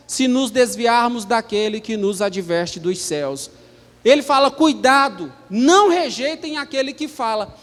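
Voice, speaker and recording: High-voiced Brazilian pastor preaching in a reverberant hall. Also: male voice. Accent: Brazilian Portuguese. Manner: emphatic, asks rhetorical questions, frequent "né?". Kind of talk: sermon. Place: church.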